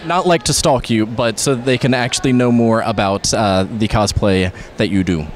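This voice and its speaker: A man's voice: mid-range voice, moderate pace, a little hiss or hum. A man interviewing a cosplayer, asking questions and teasing in a wry way. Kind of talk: casual interview.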